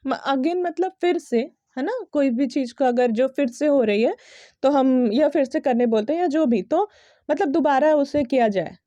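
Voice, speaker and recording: High-voiced woman teaching pronunciation. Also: mellow, no room sound, muffled recording. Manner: repeats words slowly and spells them out letter by letter, often checking with "ठीक है?". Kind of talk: casual spoken lesson.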